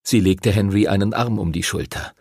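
A man narrating a fantasy audiobook in an expressive storytelling manner. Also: fairly low pitch, normal speed, creaky, breathy edge, no room sound, clean studio sound.

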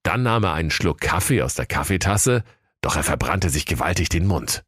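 A man's voice: low-pitched, very animated, moderate pace, fairly bright tone, slightly rough, no room sound, clean studio sound. A man narrating a comic fairy tale in a playful, theatrical way.

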